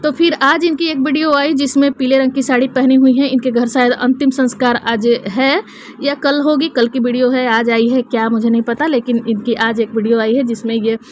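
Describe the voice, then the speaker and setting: A woman with a somewhat high voice talks through a reaction video in a loose, chatty way. She scolds as she goes and often stalls on fillers and restarts. A faint hiss of noise sits under her voice. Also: fairly even intonation, fairly quick. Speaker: reaction vlogger. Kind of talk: casual critical commentary.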